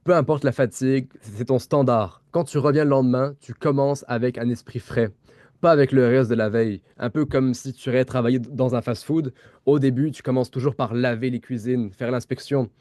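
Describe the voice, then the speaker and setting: A man's voice: mid-range voice, steady tone, moderate pace, dark tone, no echo, studio quality. A man with a Québécois accent co-hosting a podcast, explaining ideas in casual chat with frequent fillers and restarted words. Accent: Québécois French. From Quebec. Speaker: podcast co-host.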